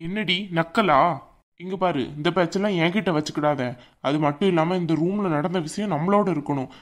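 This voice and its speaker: A woman's voice: fairly low pitch, brisk, lightly acted. A woman voicing a young husband in a cartoon who blusters and threatens his wife. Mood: blustering. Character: bullying young husband, now cowed. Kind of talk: cartoon voice acting.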